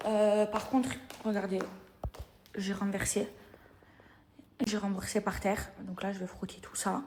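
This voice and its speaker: Unhurried and with little pitch movement, this woman's medium-pitched voice carries a chatty, slangy daily vlog as she does housework. She addresses her followers as girls and speaks emphatically, while the distant mic captures cleaning clatter and background noise.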